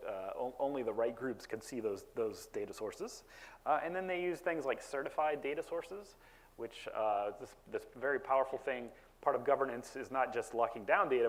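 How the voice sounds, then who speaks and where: At a conference session room, a male presenter gives a talk on software deployment to a live audience. His medium-pitched voice is naturally loud, and his explanations are full of fillers and restarts.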